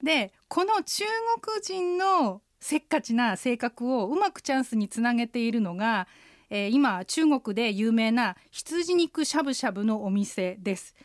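A woman, an interpreter guide, teaching a radio language lesson, explaining phrases patiently and slowing down to model pronunciation. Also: a little high, lively intonation, no room sound, clean studio sound. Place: radio studio.

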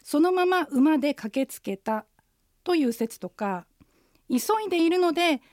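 A woman, an interpreter guide, teaching a radio language lesson, explaining phrases patiently and slowing down to model pronunciation. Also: high voice, lively intonation, darkish tone, dry recording, studio quality. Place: radio studio.

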